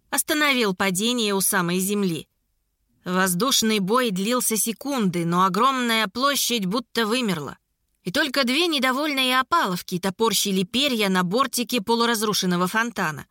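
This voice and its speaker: A woman narrating a fantasy audiobook in a brisk, expressive reading. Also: medium pitch, no room sound, clean studio sound.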